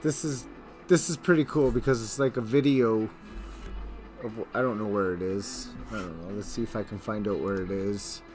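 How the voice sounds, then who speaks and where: A man hosting a video with casual, offhand, halting reaction commentary. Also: on the low side, steady tone. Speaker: video host. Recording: music playing behind the voice. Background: guitar music.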